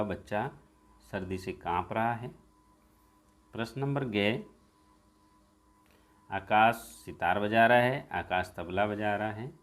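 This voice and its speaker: A male teacher working through a school workbook. He reads each exercise aloud and then gives the answer, slowing down and stressing the jumbled sentences. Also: fairly low pitch. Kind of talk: workbook lesson walkthrough.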